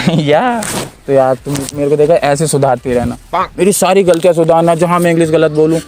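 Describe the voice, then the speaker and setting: A man's voice: a little high, steady tone, fairly quick, darkish tone, a little hiss or hum. A young man hosting a prank video, chatting up a stranger in a teasing, pleading, playful way. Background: background music.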